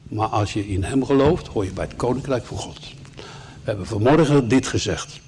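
A man's voice: medium pitch, normal speed, a little mellow, a little hiss or hum. Earnest man preaching a sermon. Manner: earnest, emphatic, with asides to the listeners.

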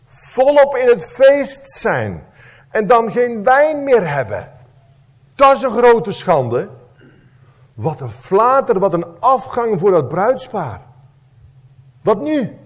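Slow, animated, husky male preacher. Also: sits high. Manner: storytelling, dramatic rhetorical questions. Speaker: pastor. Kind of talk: sermon.

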